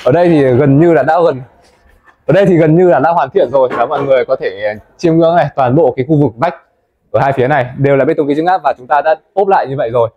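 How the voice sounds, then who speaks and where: A young man presenting a tour of a café building site, talking quickly and chattily to viewers, recorded on a lapel mic inside a large wooden building. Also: fairly high pitch, dry recording, highs cut off. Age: young adult. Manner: fast, chatty, addresses viewers as "mọi người". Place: indoors in a large wooden café under construction.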